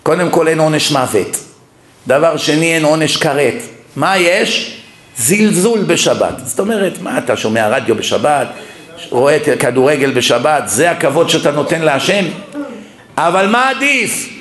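A man with a fairly high voice preaches a lecture sermon, weaving funny anecdotes into his teaching. The room echoes around him. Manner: lively anecdotal preaching with humor. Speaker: rabbi giving a public lecture. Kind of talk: sermon with storytelling. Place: lecture hall.

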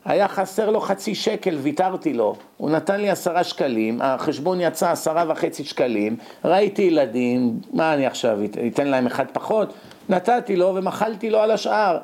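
A man's voice: a little high, animated, darkish tone. A man playing an earnest, protesting grocer. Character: kindly honest male grocer, defensive.

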